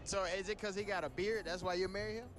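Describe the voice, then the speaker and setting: A man's voice: sits high, fairly even intonation, quick pace, a bit bright. A young man running a street interview outdoors at night, holding a handheld mic and bantering in a playful, teasing, slangy way.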